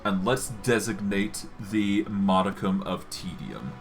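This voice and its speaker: A man's voice: sits low, takes it slowly, faint music behind. A man streaming a video game, giving commentary and reading the game's text aloud.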